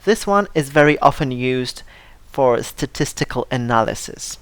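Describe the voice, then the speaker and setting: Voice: mid-range voice, animated, moderate pace, no echo. An English teacher giving a vocabulary lesson, speaking carefully, repeating word lists and modelling pronunciation. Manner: stresses syllables to model pronunciation.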